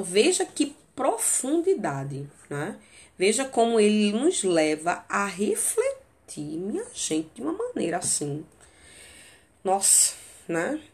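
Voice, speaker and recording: Lively low-voiced Brazilian woman teaching. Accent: Brazilian Portuguese. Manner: explains step by step, ending phrases with tag questions; reads verse aloud with emphasis. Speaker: literature teacher. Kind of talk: recorded video lesson.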